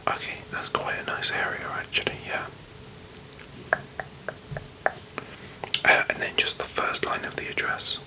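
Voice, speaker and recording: Whispered role-play, hushed library whisper, British accent, a performer acting a strict officious librarian, slightly condescending. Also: brisk, close to an everyday voice, rough recording. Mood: politely businesslike.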